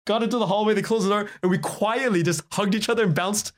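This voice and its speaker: Speaking quickly in a high register, this Canadian podcast guest spins casual, animated stories during an interview. He chuckles along the way and performs the lines of dialogue he recounts, keeping things chatty.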